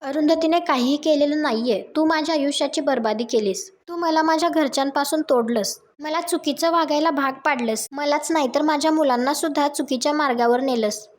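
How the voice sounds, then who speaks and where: A woman reading out the lines of a furious middle-aged husband who blames his wife for ruining his life, in her own high voice. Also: fairly quick, few pauses, close to an everyday voice.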